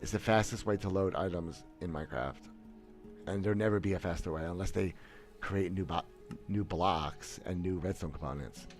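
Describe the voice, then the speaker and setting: A man in his thirties streams games from a small room, sitting at a headset mic with webcam framing and offering casual livestream commentary. His deep voice moves at normal speed over soft background music. Blunt and boastful, he keeps stammering and restarting.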